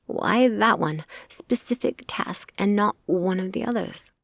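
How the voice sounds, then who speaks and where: Woman voicing a mocking old witch, slow and gravelly. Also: medium pitch, no room sound, voice pushed up. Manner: measured, mocking, drawn-out. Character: sly, cruel old female witch.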